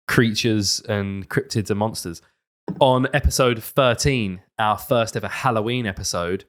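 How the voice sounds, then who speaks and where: A British man with a fairly low yet fairly bright voice runs a casual podcast quiz. He banters informally with his friends while setting questions and handing out points.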